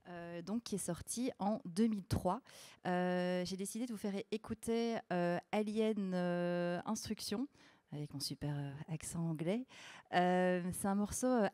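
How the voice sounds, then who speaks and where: A woman with a French accent hosting a radio show, presenting records in a hesitant way with many pauses and restarts. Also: fairly low pitch, dark tone, no echo.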